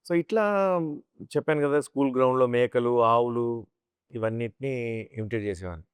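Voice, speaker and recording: A man, a mimicry artist, telling animated stories about his life and slipping into imitated voices. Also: mid-range voice, a little fast, clean tone, dry recording. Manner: animated storyteller who slips into chanting and imitated voices. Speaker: mimicry artist, interview guest. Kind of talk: casual interview storytelling.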